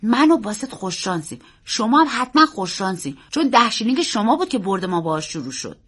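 A woman's voice: mid-range voice, husky. A woman voicing an earnest, secretive young boy who talks in an urgent, pleading way. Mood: eager. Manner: urgent, pleading, quick and excited.

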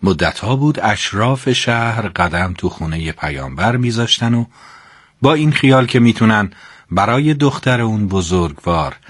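Male narrator, religious storytelling, expressive, low voice, dry studio sound. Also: slightly rough, no echo.

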